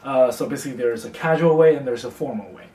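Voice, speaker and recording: Recorded on a far-off mic in a roomy space, a young adult man from China leads an easygoing beginner language lesson. His medium-pitched voice is chatty and filler-laden, slowing down to repeat example words with care.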